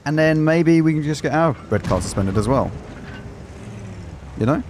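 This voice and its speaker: A man's voice: on the high side, animated, moderate pace, darkish tone, slight background noise. An English man live streaming a game, chatting casually in an opinionated, exclamatory, colloquial way. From England. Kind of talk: casual live stream commentary while gaming.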